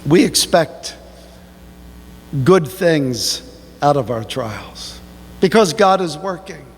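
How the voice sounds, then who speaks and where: Slow, high-voiced preacher in a reverberant church. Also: male voice, lively intonation, slightly rough. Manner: slow, emphatic preaching with sudden rises in pitch. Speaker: pastor. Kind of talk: sermon. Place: church sanctuary.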